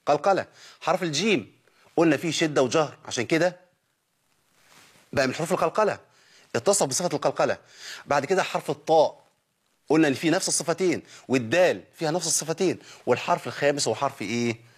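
A man's voice: on the high side, lively intonation, quick pace, long pauses, breathy edge. A man with an Egyptian Arabic accent teaching Quran recitation in a recorded lesson. He poses questions and answers them himself, and models sounds for learners to repeat.

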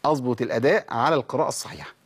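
A middle-aged man with an Egyptian accent teaching tajweed on a televised lesson, slowing down to recite examples between quicker explanations. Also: medium pitch, slightly rough. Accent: Egyptian Arabic.

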